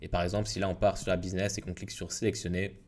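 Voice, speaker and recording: Casual man, lowish voice. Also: level tone, racing, darkish tone. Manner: casual, informal, many fillers and restarts. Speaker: WordPress tutorial youtuber. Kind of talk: screen-recorded software tutorial.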